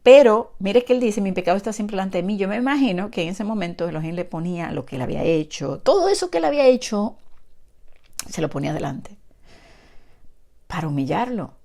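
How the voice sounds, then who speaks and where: Earnest woman preacher with a gravelly voice. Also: lowish voice, a little fast, dark tone. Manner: earnest, emotional, addresses listeners directly. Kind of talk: Bible teaching with personal testimony.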